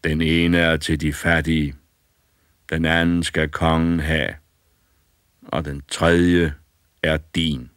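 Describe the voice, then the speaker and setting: A man voicing a slow, booming old ghost. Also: steady tone, fairly bright tone, clean tone, no echo, clean studio sound. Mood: solemn. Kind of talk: audiobook fairy tale reading.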